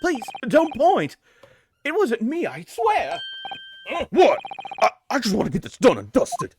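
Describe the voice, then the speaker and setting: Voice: mid-range voice, huge pitch swings, quick pace, gravelly, darkish tone, slight background noise, voice pushed up. A game player voicing a timid, flustered male juror who stammers and defers to everyone. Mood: startled, nervous. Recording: game music behind the voice.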